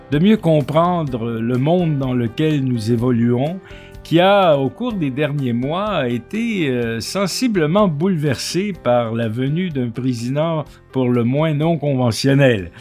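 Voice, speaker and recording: Slow-talking male radio host. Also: fairly high pitch, darkish tone. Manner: measured, hesitant with many fillers. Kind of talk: radio interview.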